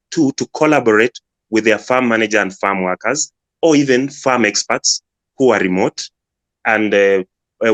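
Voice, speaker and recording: Ugandan man, app founder, earnest explainer, low pitch, dry phone audio. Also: no room sound. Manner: earnest, explanatory, many restarts. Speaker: app founder, guest speaker. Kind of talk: casual pitch on a live audio room.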